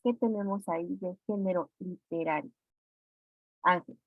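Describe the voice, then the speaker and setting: A woman's voice: on the low side, measured pace, no echo. Mexican woman teacher reviewing exam answers. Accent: Mexican Spanish. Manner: explains step by step, asks students questions. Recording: dry, dull lo-fi sound.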